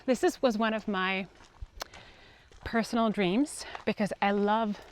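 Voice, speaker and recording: A woman's voice: mid-range voice, unhurried. A woman with a mid-range voice chats animatedly on a hike outdoors. She is out of breath, laughs often and trips over her own words. Faint background noise runs under her. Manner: chatty and animated, laughs often, repeats herself. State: out of breath from hiking. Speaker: co-founder. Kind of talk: casual chat on a walking tour. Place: outdoors on hilly open land.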